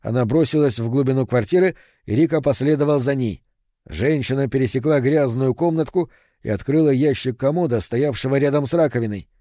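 A man narrating an audiobook in a steady, even reading voice. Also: mid-range voice, a little fast, no room sound, clean studio sound. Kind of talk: scripted narration.

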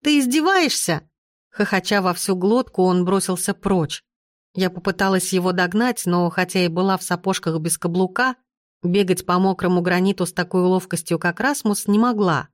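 A woman narrating an audiobook in the first person, with steady, even storytelling. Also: on the low side, moderate pace, no echo, clean studio sound.

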